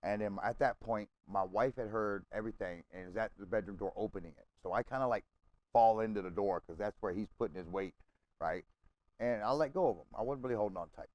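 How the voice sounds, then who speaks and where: A man's voice: fairly low pitch, fast talker, darkish tone, poor audio. A man telling a long personal story to friends over game chat, swearing freely, rambling, and often checking in with "okay?" and "right?". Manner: profane, rambling, keeps checking in with listeners. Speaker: gamer chatting with friends.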